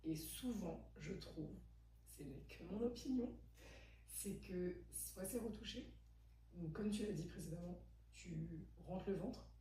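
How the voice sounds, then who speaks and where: Her voice fairly low and warm, this woman in her twenties speaks a little slowly while hosting a casual podcast. She chats emphatically and digs in with probing questions, and the sound comes from a distant mic in an echoey room with a faint hum.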